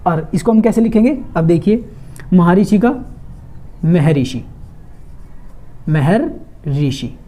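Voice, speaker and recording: A woman teaching a grammar lesson for exam students, asking questions and answering them herself, slowly drawing out and repeating sounds. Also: fairly low pitch, lively intonation, warm tone. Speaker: Hindi teacher.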